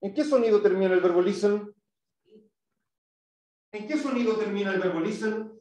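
A man's voice: sits high, moderate pace, darkish tone. A male English teacher giving a classroom lesson, explaining step by step, quizzing students and demonstrating sounds. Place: school classroom. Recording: echoey classroom, mic far off.

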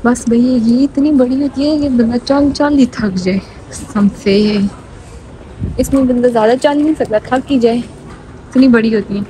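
Chatty high-voiced young woman vlogging. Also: measured pace, dark tone, a little hiss or hum. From Pakistan. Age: young adult. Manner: chatty, rambling, laughs often, walks while talking. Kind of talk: casual walking vlog. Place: large indoor shopping mall. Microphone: phone held at arm's length. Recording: busy mall ambience behind.

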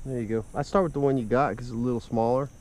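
A man hosting a fishing show from his kayak on an open lagoon, giving excited, laughing commentary to viewers, picked up by an action camera outdoors. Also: mid-range voice, racing, a little hiss or hum. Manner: animated, laughing, calls out to viewers. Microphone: action camera mounted on the kayak.

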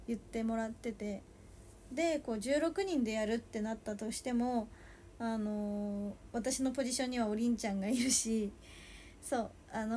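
A woman in her twenties chatting casually on a solo livestream, soft and a little sleepy, sometimes dropping to a murmur. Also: on the high side, a little hiss or hum. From Japan. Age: 20s. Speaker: idol livestreamer.

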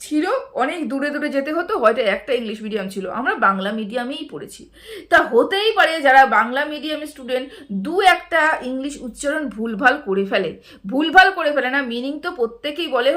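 A middle-aged woman talks in a bright, high register. She delivers casual commentary from home. Her tone is scolding and indignant, and she keeps throwing out rhetorical questions. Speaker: YouTube commentator. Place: home, indoors.

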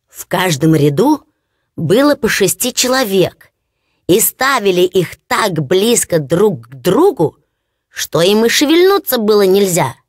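A woman narrating a fairy-tale audiobook in an expressive storytelling manner. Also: medium pitch, a little slow, no echo, clean studio sound.

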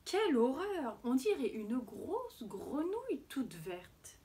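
Teacher lady putting on a grumpy big wolf from a picture book, high and swoopy, groans at everything. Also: very animated, slow. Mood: disgusted. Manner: exclaiming, sighing at himself.

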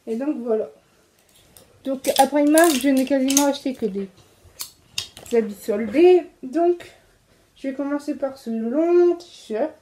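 Showing off a casual clothing haul, a young fashion vlogger with a French accent talks in an easygoing, chatty way. She stumbles on fillers and corrects herself often, her high-pitched voice staying soft and mellow.

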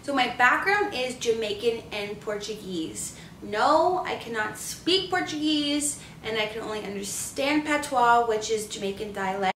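Upbeat twenty-something vlogger gal from canada, a bit high, echoey room and set back from the mic. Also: female voice, expressive, fairly bright tone, slight background noise. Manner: upbeat, chatty, quick bursts of speech. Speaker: beauty vlogger. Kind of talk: casual chat to camera. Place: living room or home office, indoors. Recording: roomy, slightly distant sound.

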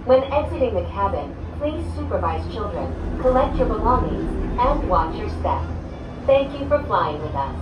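A woman giving a polished, scripted welcome announcement, played over a loudspeaker in a ride cabin. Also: mid-range voice, big pitch swings, moderate pace, muffled recording. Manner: bright, lilting and polished. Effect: played over a loudspeaker in a gondola cabin. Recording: echoey speaker heard from a distance with ride noise.

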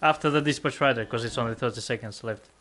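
A man's voice: mid-range voice, quick pace. A man in his forties streaming a game live from home on a headset, reading and answering his viewers' chat. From lives in the United Kingdom. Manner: relaxed, chuckles often, reads and answers chat; yelps and pleads when under attack in game. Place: home room.

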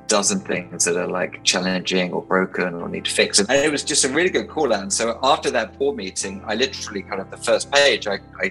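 A man in his forties, a startup investor and board member, gives informal advice to camera over a video call from a small indoor attic room. His fairly low voice sounds pushed and bright, the recording is low quality, and music plays in the background.

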